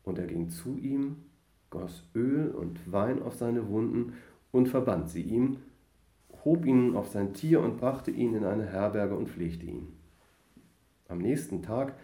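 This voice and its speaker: Lower-voiced man, mellow tone, formal scripture reading in a roomy space. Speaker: scripture reader. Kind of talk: read-aloud Bible passage. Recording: roomy echo.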